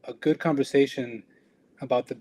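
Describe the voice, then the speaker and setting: A man's voice: medium pitch, fairly even intonation, moderate pace, darkish tone, low-quality recording. A man from El Salvador, an electrician and business owner, speaking earnestly and reflectively in a casual conversation.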